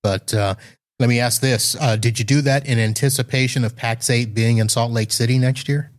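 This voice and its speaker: A man's voice: medium pitch, steady tone, moderate pace. Casual American-style podcast host man. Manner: casual, friendly questions with fillers. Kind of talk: conversational podcast interview.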